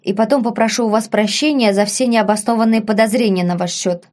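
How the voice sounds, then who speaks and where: A woman's voice: mid-range voice, steady tone, brisk, darkish tone, natural voice. A woman voicing a nobleman duke who gives clipped, curt orders.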